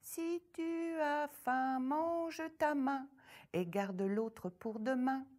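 A woman's voice: sits high, very slow, a little mellow, pitched above the performer's own voice. A woman storyteller voicing a cheeky songbird that taunts in a singsong chant. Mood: taunting.

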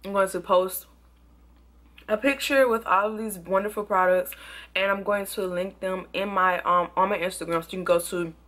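A young woman reviewing products in a casual, excitable vlog, sometimes talking with food in her mouth. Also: medium pitch, moderate pace. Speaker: beauty and product vlogger.

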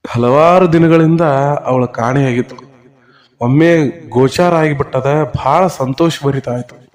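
A man telling a devotional story, dramatic and lively. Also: mid-range voice, unhurried. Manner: dramatic, acts out the characters' pleas.

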